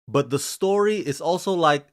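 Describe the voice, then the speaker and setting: A man's voice: animated, normal speed. A man from Indonesia hosting his own channel, delivering a scripted series review with gushing, emphatic enthusiasm. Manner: gushing, emphatic delivery with frequent swings in pitch and pace. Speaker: film reviewer and channel host.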